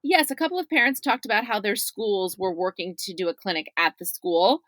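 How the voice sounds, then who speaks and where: Clean studio sound with no echo carries this woman's medium-pitched, fairly bright voice at a fairly quick pace. She is middle-aged and appears as a podcast guest, emphatically talking through her parents' views and often asking "right?".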